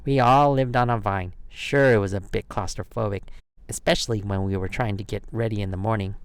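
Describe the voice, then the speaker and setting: A man reading a children's picture book aloud as storyteller, expressive and given to dramatic pauses. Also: lowish voice, clean tone, dry recording, clean studio sound.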